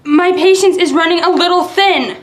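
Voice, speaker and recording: A woman's voice: very high-pitched, moderate pace. An actress playing a prim, put-upon young woman who speaks in a precise, aggrieved way. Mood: indignant.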